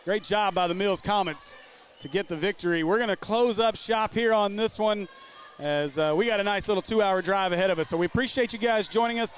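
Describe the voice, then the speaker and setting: A man calling a basketball game live as play-by-play commentator, running through the action at a quick pace. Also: high voice. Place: basketball gym.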